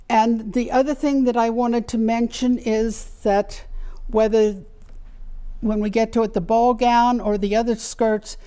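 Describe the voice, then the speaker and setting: A woman talking carefully through the details of antique doll clothing in a relaxed show-and-tell chat. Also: mid-range voice. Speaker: doll collector guest.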